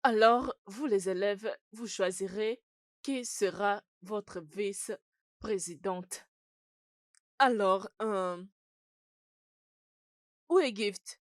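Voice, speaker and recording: Teacher, film dub: measured, formal, very slow delivery, dry close mic. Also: female voice, medium pitch, no echo. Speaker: school teacher.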